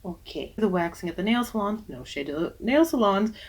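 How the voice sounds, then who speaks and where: A woman's voice: medium pitch, expressive, fairly quick. A young woman who works as a waxer, giving casual, emphatic advice with jokey asides in a vlog.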